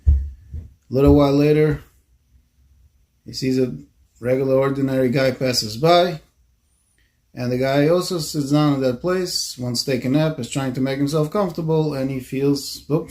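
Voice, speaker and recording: A man's voice: medium pitch, mellow. A man, a rabbi, telling a story in a casual, conversational way. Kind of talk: storytelling lesson.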